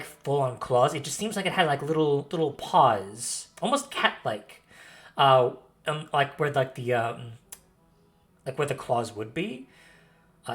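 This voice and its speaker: A man's voice: medium pitch, fairly bright tone. A man running a tabletop fantasy game as game master, improvising narration and often repeating and rephrasing as he describes. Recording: music playing behind the voice. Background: background music.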